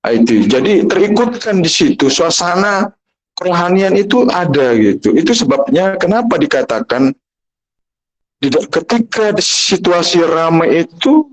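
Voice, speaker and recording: A man giving an unhurried sermon as a spiritual teacher, often pausing and restarting his phrases. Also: high-pitched, big pitch swings, rough recording. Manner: unhurried, halting, many restarts and fillers.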